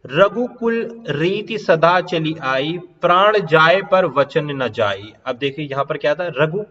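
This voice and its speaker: A man's voice: fairly high pitch, a bit bright, muffled recording. Man teaching grammar in a reverberant room. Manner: repetitive, checks understanding, drawn-out example lines. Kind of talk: exam-prep grammar lesson.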